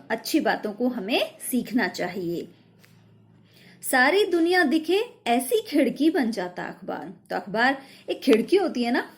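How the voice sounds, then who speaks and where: A woman teacher walks through a children's poem line by line, reading each verse and then explaining it plainly. Her pitch sits a little high and moves a lot as she talks. She keeps checking in with her listeners as she goes.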